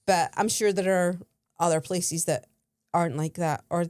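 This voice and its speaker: A woman with a fairly low pitch co-hosts a podcast, chatting casually at normal speed about holiday stories and laughing as she goes. She's animated and chatty, and the recording is dry, with clean studio sound.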